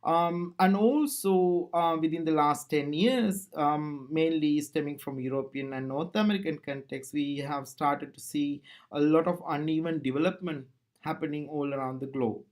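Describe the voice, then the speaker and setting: A man from Sri Lanka presenting a recorded conference talk, speaking in a measured way with frequent pauses and fillers. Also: on the high side.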